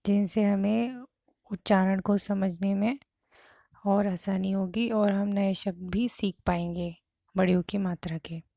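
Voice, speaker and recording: A woman teaching a Hindi vowel-sign lesson, sounding out each word slowly and deliberately. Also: mid-range voice, steady tone, vocal fry, mellow, dry recording, clean studio sound.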